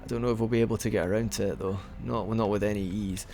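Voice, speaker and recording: A man's voice: lowish voice, fairly even intonation, quick pace, warm tone, a little hiss or hum. A young man giving rambling, casual commentary over a game he is playing, hiccuping now and then. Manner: chatty and rambling, with frequent restarts. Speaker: let's play commentator.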